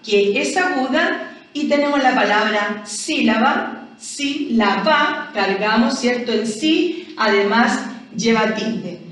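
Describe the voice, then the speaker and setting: Chilean teacher in an echoey room. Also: female voice, on the high side, far from the mic. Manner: patient, explanatory, checks in with frequent rhetorical questions. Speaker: primary school teacher. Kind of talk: recorded classroom lesson explanation.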